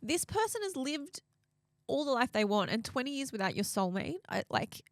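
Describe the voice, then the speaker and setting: A woman's voice: high-pitched, very animated, moderate pace, no room sound. Emotive woman co-hosting, dry sound. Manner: emotive, emphatic. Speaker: podcast co-host. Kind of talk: casual conversational podcast talk.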